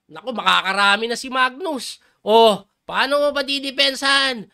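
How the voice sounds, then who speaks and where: A middle-aged man from the Philippines, a chess coach giving excitable live commentary on a game and reacting loudly to each move. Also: very high voice, moderate pace, creaky, clear, resonant tone.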